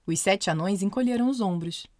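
A woman narrating a children's fairy tale in an expressive, playful way. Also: medium pitch, a little fast, no room sound, studio quality. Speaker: storyteller. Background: soft music.

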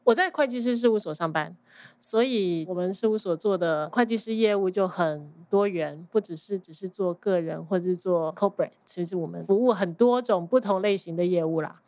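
A woman's voice: lowish voice, brisk, darkish tone, no echo. A woman with a Taiwanese Mandarin accent talks casually as an interview guest, dropping English words into her sentences. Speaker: podcast guest, accountant.

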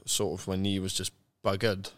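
Male, South Welsh, low clean voice; matter-of-fact, informal podcast guest with blunt, sweary delivery. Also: completely flat delivery, normal speed. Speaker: interview guest, retired rugby player. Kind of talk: casual, candid podcast chat.

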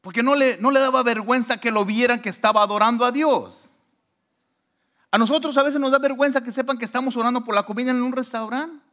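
A man preaching a sermon as a pastor, conversational and animated, often asking rhetorical questions. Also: extremely high pitch, fast.

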